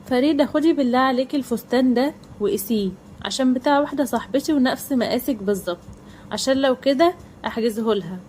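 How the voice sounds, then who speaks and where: A woman's voice: high voice, fast talker, darkish tone, a little hiss or hum, close to an everyday voice. A woman voicing a pushy, playful young woman friend in an Egyptian accent, insistent and bossy.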